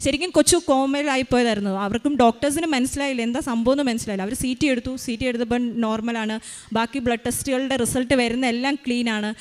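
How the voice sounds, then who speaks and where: A woman's voice: on the high side, quick pace. A mother giving an emotional personal faith testimony, retelling events tensely with many restarts.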